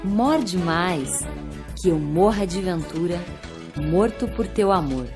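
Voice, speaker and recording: A woman slowly reciting poems with expressive delivery. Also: fairly low pitch. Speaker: poetry reader. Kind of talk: recited poetry over music. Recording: music bed behind voice.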